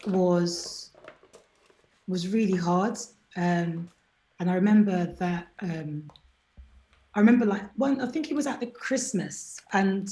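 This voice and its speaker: A woman appears as an interview guest, speaking candidly and with lots of animation, sometimes acting out what other people said to her. Her voice is medium-pitched, and the low-quality recording has an echoey room sound.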